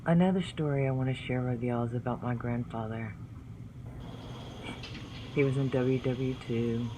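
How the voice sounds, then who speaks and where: A man's voice: medium pitch, fairly even intonation, moderate pace, noisy background. A man telling family stories in a vlog, partly reading from his book, in an earnest and heartfelt way. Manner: earnest, heartfelt, religious storytelling. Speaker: vlogger.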